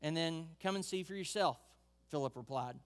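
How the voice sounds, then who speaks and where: A man's voice: a little high, normal speed. A male pastor preaching a sermon in a conversational way, reading scripture and adding asides.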